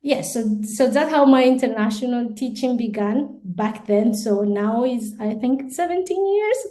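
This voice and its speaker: The guest on this podcast interview is a Colombian woman, a native Spanish speaker, whose slightly high voice sounds mellow and animated. She talks a little slowly and thoughtfully, with many restarts, repeated words, and soft laughs.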